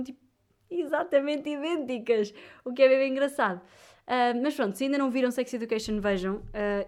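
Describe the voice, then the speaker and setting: A woman's voice: fairly high pitch, a little mellow. A young woman from Viseu with a European Portuguese accent, ranting animatedly and casually to her viewers, full of little fillers. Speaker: vlogger. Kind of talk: casual chat.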